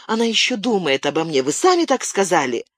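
A proud, impulsive young nobleman, played by an audiobook reader, bursts out with fervent declarations. The delivery swings widely in pitch. It sounds dry and close, with no room around it. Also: big pitch swings, brisk, a bit bright, no room sound. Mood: exultant. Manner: fervent, exclamatory outbursts. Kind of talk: audiobook character reading.

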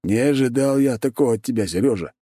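A man's voice: medium pitch, fast, mellow, no room sound, clean studio sound, voice pushed up, close to an everyday voice. A male narrator voicing a blunt, scornful count who works as a corporate fighter.

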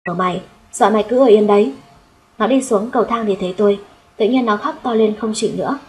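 A woman's voice: mid-range voice, fast, a little mellow, a little hiss or hum, poor audio. A woman reading a first-person audio story aloud and voicing its dialogue in her own voice. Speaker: audiobook narrator. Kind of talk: storytelling narration with character dialogue.

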